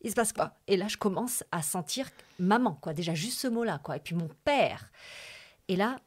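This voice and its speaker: A woman's voice: mid-range voice, normal speed. A young woman from the French Alps, a guest telling a personal story in casual, emotional chat, with many fillers and asides. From France, Hautes-Alpes. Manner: chatty and lively, with many fillers and asides to the host.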